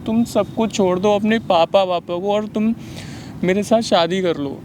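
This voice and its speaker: Upset young man, high voice, faint traffic. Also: fairly even intonation, moderate pace. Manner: upset, emotional, raising his voice. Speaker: guest telling his story. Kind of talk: staged street confrontation.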